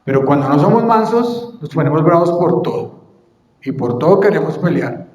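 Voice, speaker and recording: Un predicador que da un sermón, hace preguntas a la congregación y él mismo las contesta. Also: male voice, on the high side, lively intonation, normal speed, darkish tone, a little hiss or hum. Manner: asks the congregation questions and answers them himself. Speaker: preacher. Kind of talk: sermon. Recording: echoey church hall with long reverb.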